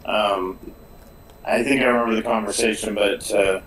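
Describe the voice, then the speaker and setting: A man's voice: fairly low pitch, fairly even intonation, normal speed, echoey room, crowd noise, low-quality recording. A man co-hosting a live drawing stream, chatting casually and hesitating often with fillers. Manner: hesitant, lots of ums and uhs. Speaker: comic artist co-host. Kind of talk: casual chat on a livestream.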